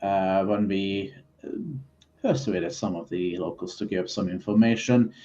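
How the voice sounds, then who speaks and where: A man improvising as a player in a tabletop game, speaking politely and haltingly. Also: deep voice, fairly even intonation, mellow, lo-fi sound. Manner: hesitant, halting, polite phrasing. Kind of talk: improvised in-character game talk.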